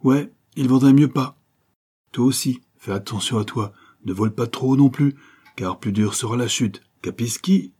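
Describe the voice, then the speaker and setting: A man's voice: medium pitch, moderate pace, a little mellow, slightly rough, lightly acted. A man voicing a brash middle-aged male police officer who rides a motorbike, breezy and teasing. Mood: stern.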